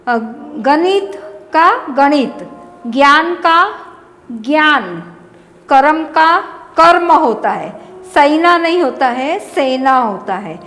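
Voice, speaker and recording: A woman schoolteacher giving a Hindi grammar lesson, reading out word pairs slowly and deliberately with an Indian Hindi accent. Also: sits high, in a large hall. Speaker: school teacher.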